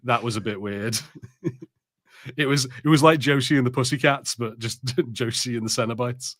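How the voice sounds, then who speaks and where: This male co-host keeps the film talk loose, jokey and a bit sweary as the podcast crew holds a watch party. He speaks at a normal speed with a medium, slightly bright voice, and the recording is dry and studio quality.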